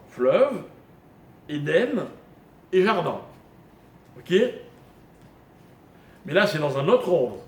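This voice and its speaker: A man teaching a live Torah lesson, explaining Hebrew grammar step by step and quizzing his listeners. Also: sits high. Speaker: rabbi teaching a Torah class. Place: room with a small live audience. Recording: echoey room recording with faint noise.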